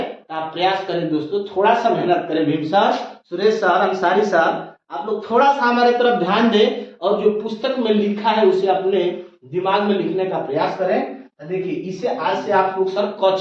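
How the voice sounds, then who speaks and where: A man teaching Hindi pronunciation as a classroom lecture, patiently repeating sounds and asking questions he then answers himself. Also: high-pitched. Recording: echoey room, distant lo-fi mic.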